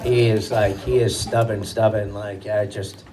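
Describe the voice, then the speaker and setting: A man doing stand-up, telling animated stories about his kids and acting out their voices. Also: fairly low pitch, measured pace, background noise. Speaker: stand-up comedian and father. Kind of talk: stand-up storytelling. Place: comedy stage before a live crowd. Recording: distant stage mic, audience laughing.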